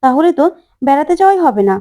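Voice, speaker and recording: A woman's voice: sits high, sing-song, fast talker, dark tone, voice pushed up. Woman doing a firm, hot-tempered uncle. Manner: firm, insistent. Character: protective middle-aged uncle, quick to anger.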